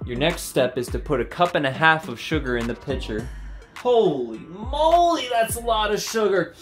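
A young man hosting a comedic home cooking vlog, goofy and jokey, sometimes breaking into loud mock commands, filmed in his kitchen on a camera mic. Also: on the high side, big pitch swings, normal speed, roomy sound, faint music behind. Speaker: cooking video host.

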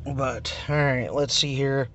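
Recorded on a handheld phone amid noise around his vehicle, a car audio hobbyist shows off his system in a casual, informal walkthrough. His medium-pitched, fairly bright voice is slow and flat, and he's self-deprecating and a little coarse.

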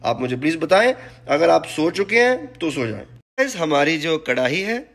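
Hoarse, chatty man cooking. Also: fairly high pitch, very animated, moderate pace, fairly bright tone. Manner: chatty, joking, mixes English into Hindi. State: slightly hoarse from singing practice. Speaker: cooking vlogger. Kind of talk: casual cooking vlog.

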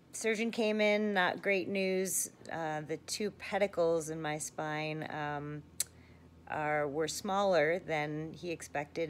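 Woman, lowish pitch, weak after surgery, subdued, hesitant, casual video diary, phone recording, slight background noise. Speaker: patient vlogger. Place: hospital room, lying in bed. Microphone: phone at arm's length.

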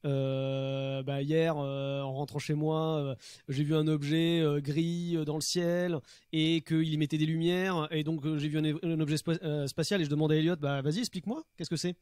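A man's voice: fairly high pitch, flat delivery, normal speed, darkish tone, clean tone, no room sound, studio quality. A man co-hosting a casual stream chat, rambling and jokey, often tripping over his words. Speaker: stream co-host.

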